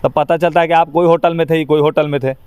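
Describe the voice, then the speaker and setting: A man's voice: fairly high pitch, steady tone, quick pace, darkish tone, clean tone, dry recording. A man with a Bihari accent giving his opinions in an informal interview, speaking emphatically in colloquial, rustic phrasing. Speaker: interview guest, actor.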